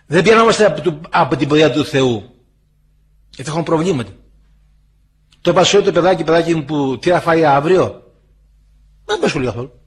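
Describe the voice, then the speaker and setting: A man's voice: a little high, animated, long pauses, husky. A man from Greece giving a sermon to listeners, talking in a homely, storytelling way and acting out quoted voices. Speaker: preacher.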